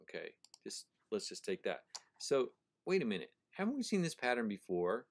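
A man explaining prose style in a recorded lecture, thinking aloud, correcting himself and slowly repeating phrases to stress their sounds. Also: fairly low pitch, big pitch swings, gravelly. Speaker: professor.

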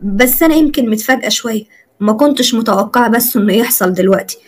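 A woman voicing a quiet, guarded young wife in an Egyptian accent, in a storybook retelling. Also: fairly high pitch, quick pace, lightly acted. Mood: subdued. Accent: Egyptian Arabic.

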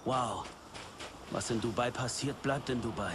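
An actor playing a cocky, joking young special forces sergeant in a video game, brash and mock-formal. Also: male voice, mid-range voice, a little slow, lightly acted. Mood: cocky, teasing. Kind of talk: dramatic video game acting. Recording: loud wind and game ambience.

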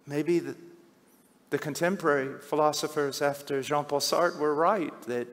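A middle-aged man preaching a sermon, swinging from hushed, slow passages to loud, shouted cries. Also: a little high, steady tone. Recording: long hall reverb.

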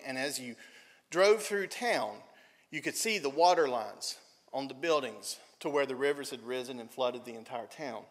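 Middle-aged Southern pastor, higher-voiced man, earnest storytelling sermon, big hall reverb. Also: a bit bright. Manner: earnest, storytelling, repeats phrases for emphasis. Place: church sanctuary. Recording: long church hall reverb.

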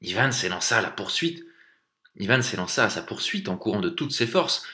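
A man reading a folk tale aloud as a storyteller, with expressive, lively narration. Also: fairly low pitch, brisk.

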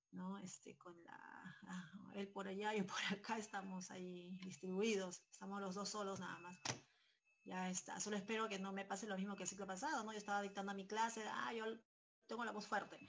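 A woman's voice: mid-range voice, gravelly, a bit bright, slight background noise. A woman with a Peruvian Spanish accent teaching a civics class online from home, checking in with her students through constant tag questions. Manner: talks to students with many tag questions and fillers. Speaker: pre-university civics teacher. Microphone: headset.

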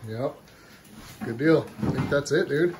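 Filming a home cooking video indoors in his kitchen and at the dining table, a man talks casually and offers simple, encouraging step-by-step tips. His voice is on the high side and a little slow, with background noise and loud music behind him.

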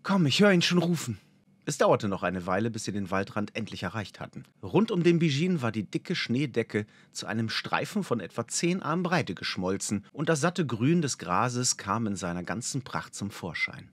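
A man narrating a fantasy audiobook in a dramatic, expressive storytelling manner. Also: on the low side, moderate pace, hardly any pauses, husky, no echo.

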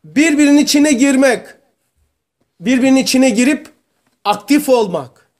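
High-voiced man teaching a religious lesson. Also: expressive. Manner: asks students questions, explains terms slowly. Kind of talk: religious lesson to a small group.

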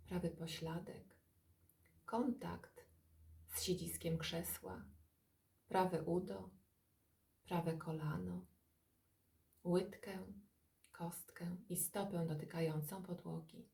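A woman guides a relaxation meditation in a low, gravelly voice. She talks very slowly, in soft, calm phrases broken by long pauses. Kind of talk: guided body-scan meditation.

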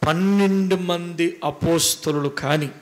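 A man's voice: fairly high pitch, fairly even intonation, unhurried. A man preaching a sermon as pastor, emphatic and repetitive in his delivery.

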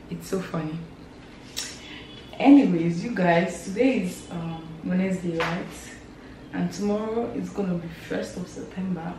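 A young Nigerian woman in her twenties talks casually into a handheld camera at home, rambling with plenty of fillers. Her voice sits a little low and she speaks slowly. The room is echoey, with steady noise behind her. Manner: chatty, rambling, frequent fillers. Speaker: vlogger. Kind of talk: casual vlog chat to camera. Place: bedroom and kitchen at home, indoors.

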